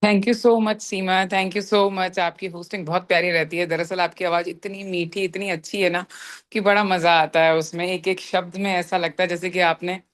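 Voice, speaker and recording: A woman's voice: fairly low pitch, little pitch movement, moderate pace. A woman leading a motivational business meeting, explaining with everyday examples in an earnest way. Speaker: business team leader. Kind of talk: motivational group talk.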